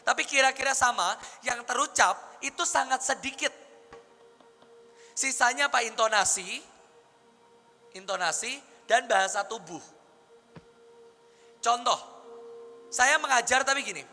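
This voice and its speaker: A male pastor preaches in a lively, conversational way, throwing out rhetorical questions. His voice sits high and sounds very bright and forceful. A long hall reverb trails his words, and faint music plays underneath. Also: unhurried, long pauses. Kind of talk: sermon teaching.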